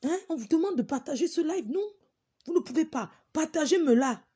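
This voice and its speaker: A woman's voice: sits high, animated, moderate pace, mellow. A woman hosting a live stream, scolding her viewers in an exasperated, repetitive way. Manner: exasperated, repeats herself, scolding.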